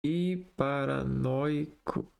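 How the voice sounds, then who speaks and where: A man working through exam exercises aloud, slowly reading out words one by one and thinking aloud. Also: mid-range voice, steady tone, creaky, darkish tone, smooth. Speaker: exam tutor.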